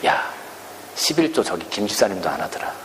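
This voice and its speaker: A wheedling Satan who coaxes and persuades, put on by a male preacher. The voice is pitched higher than the speaker's normal tone. It rings out in an echoey church hall. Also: big pitch swings, fairly quick, a bit bright, slight background noise. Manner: coaxing, whispery persuasion.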